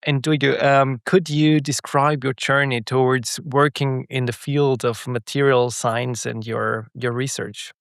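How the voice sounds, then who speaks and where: A man's voice: medium pitch, flat delivery, unhurried, gravelly, few pauses, clear, resonant tone, no echo, studio quality. A man co-hosting a podcast, asking the guest questions in an effusively welcoming, friendly way. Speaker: podcast co-host.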